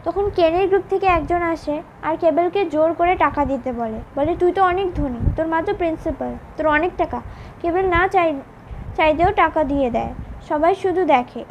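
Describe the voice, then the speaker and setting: Female storyteller with a very high-pitched voice, plainly retelling an episode, faint background noise. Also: dull audio. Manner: quick plain storytelling that reads out the characters' lines in her own voice. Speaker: drama recap narrator. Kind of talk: retelling a drama episode with quoted dialogue.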